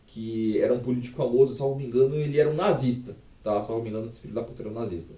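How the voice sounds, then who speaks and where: A man's voice: medium pitch, rapid-fire, mellow, far from the mic. Chatty, swearing man in an echoey room. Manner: chatty, profane, many fillers. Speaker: language teacher. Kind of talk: casual online language lesson.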